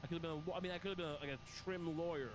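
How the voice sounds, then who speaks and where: A man's voice: a little high, steady tone, very fast, noisy background. A middle-aged man in casual comedic chat, talking in a rambling, self-deprecating way.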